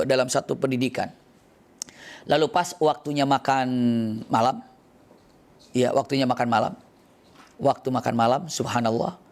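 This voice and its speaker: A male preacher telling a story in a sermon, acting out the characters' lines with lively shifts. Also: on the high side.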